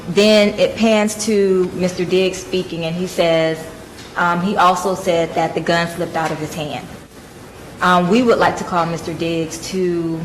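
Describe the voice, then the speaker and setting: A woman's voice: lowish voice, slight background noise, low-quality recording. A woman arguing a motion as prosecutor in court, speaking carefully and hesitantly with frequent ums. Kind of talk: courtroom argument.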